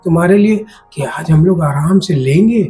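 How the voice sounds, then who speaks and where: A woman's voice: fairly low pitch, moderate pace, mellow, soft background music. A woman acting a teasing, whiny partner in a comedy sketch. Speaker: comic actress.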